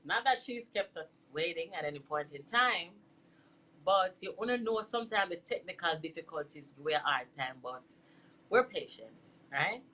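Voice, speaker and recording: A woman's voice: on the low side, expressive, moderate pace, bright, forceful tone. A Jamaican woman hosting a casual live political discussion on her phone, chatting and greeting viewers by name, slipping into patois. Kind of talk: casual live-stream chat.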